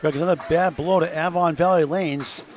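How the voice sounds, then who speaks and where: A man's voice: a little high, steady tone, normal speed, a crowd in the background. A man commentating live on bowling, chatting through scores, schedules and playoff standings. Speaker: color commentator.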